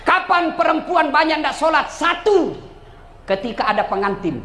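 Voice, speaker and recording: A male preacher with a Bugis-Makassar Indonesian accent delivers a humorous sermon, teasing his listeners. His voice sits high and bright, leaping up and down with animated swings. Faint ambient noise hangs behind him. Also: moderate pace. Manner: lively, joking, teasing the audience. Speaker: Islamic preacher.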